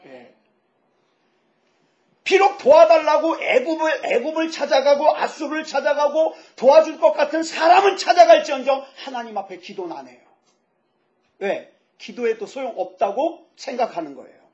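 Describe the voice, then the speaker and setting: A pastor in his fifties preaching a sermon, lively and joking, asking the audience questions. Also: very high-pitched, normal speed. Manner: lively, asks the audience questions, jokes about himself. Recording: dull lo-fi sound.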